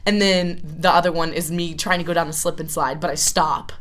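A young woman tells rambling stories in a casual chat, laughing often as she goes. Her voice sits a little low for a woman. She talks loosely, with plenty of fillers and restarts. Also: steady tone, brisk, fairly bright tone. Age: young adult. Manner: rambling, giggly storyteller. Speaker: co-host.

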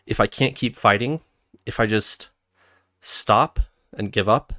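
A man's voice: lowish voice, slow pace, pushed and bright, no room sound, clean studio sound. A man reading aloud as a worn-down young male soldier from a novel, in a strained, pleading way. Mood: despairing.

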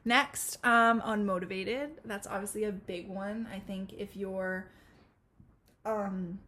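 A woman's voice: medium pitch, fairly even intonation, takes it slowly, sharp tone. Give me a giggly young woman, chatty and casual. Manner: giggly, chatty, lots of fillers. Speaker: podcast co-host. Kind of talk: casual chat. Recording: faint ambient noise.

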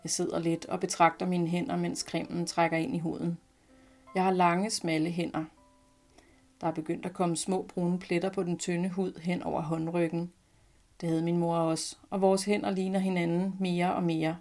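A woman reading her own first-person story aloud in a calm, quiet, reflective manner. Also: on the low side, faint music behind. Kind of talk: scripted first-person narration.

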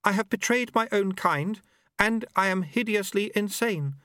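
A man putting on haughty, high-pitched Unity. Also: a little slow, sharp tone, no echo, clean studio sound. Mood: despairing. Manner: imperious and haughty. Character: Unity, a haughty, despairing woman.

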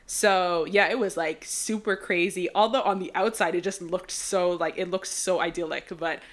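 A young woman from the Bahamas co-hosts a casual podcast chat, rambling and leaning heavily on "like." Her voice is on the low side with fairly even intonation and a moderate pace.

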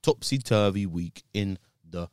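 Lively low-voiced podcast host. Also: male voice, no echo, studio quality. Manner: lively, slangy, quick to laugh. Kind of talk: casual football chat.

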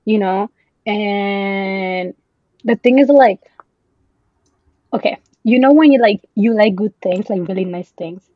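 Chatting on a podcast as a guest, a Salvadoran woman in her 20s speaks in a mid-range voice, slowly and with long pauses, filling gaps with ums and dropping in Spanish words. The recording is dry, dull and lo-fi.

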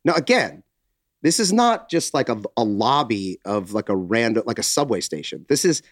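A man telling a story in casual conversation, animated and chatty. His pitch is average but moves a lot, climbing sharply when he gets excited. The sound is dry and close to the mic. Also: moderate pace, dry recording. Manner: animated anecdote teller, voices rise with excitement. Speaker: podcast co-host.

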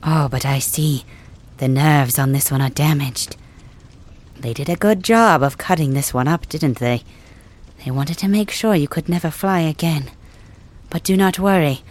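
A woman voicing a gentle, caring old male healer in an ASMR roleplay, speaking in a soft, soothing bedside murmur. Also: low-pitched, moderate pace. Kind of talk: ASMR roleplay audio drama.

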